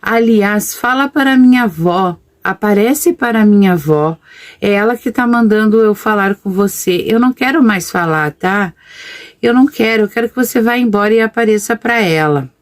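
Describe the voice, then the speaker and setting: A woman's voice: medium pitch, moderate pace, natural voice. A woman voicing a frightened little girl who pleads insistently with a ghost in a spoken ghost story. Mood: pleading.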